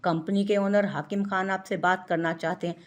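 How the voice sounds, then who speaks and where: Woman reading a male company manager, polite, businesslike, formal, lowish voice, audio story. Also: steady tone, moderate pace, lightly acted.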